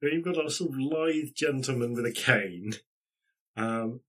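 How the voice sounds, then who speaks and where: Guy gm narrating slow, rambly, lots of ums. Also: mid-range voice, a bit bright. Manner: rambling, many fillers and restarts. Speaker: game master. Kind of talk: narrating a tabletop game.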